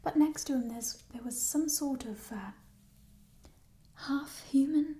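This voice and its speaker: A woman in an ASMR role-play as a playful, chatty thief, musing hesitantly in a burglar's hushed soft voice over stolen treasure. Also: sits high, slow pace. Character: playful, chatty female thief showing off stolen coins in a fantasy world.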